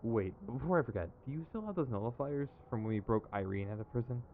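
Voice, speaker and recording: Here the same exasperated but principled, protective villain comes through phone-quality audio, voiced by a man at medium pitch who talks quickly and animatedly, close to his everyday voice. His ASMR roleplay delivery is sardonic, emphatic, and conversational, casual in mood, with clear background noise.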